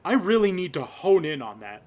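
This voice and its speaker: A man's voice: sits high, very animated. A young man from Las Vegas giving an impassioned personal commentary, choked up at times and rising to angry outbursts. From Las Vegas, Nevada. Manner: slow, impassioned, rising to shouts of anger. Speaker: vlogger.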